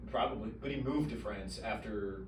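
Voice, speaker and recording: A man's voice: on the low side, moderate pace. A man co-hosting a casual, joking podcast with a wry, blunt way of talking. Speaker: podcast co-host. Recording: roomy, distant mic, faint noise.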